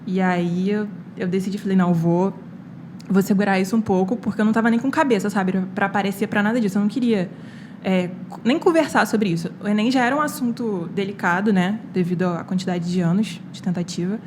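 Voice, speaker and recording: A young Brazilian woman, a medical student guest on a casual podcast, tells a story quickly and casually, quoting dialogue and filling gaps with lots of fillers. Her middle-pitched voice has a darkish tone, with faint ambient noise behind it.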